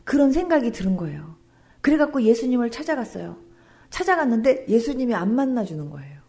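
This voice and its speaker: A woman pastor giving a dramatic testimony sermon in a church, dropping into hushed, whispered asides. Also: a little high, big pitch swings, fast talker.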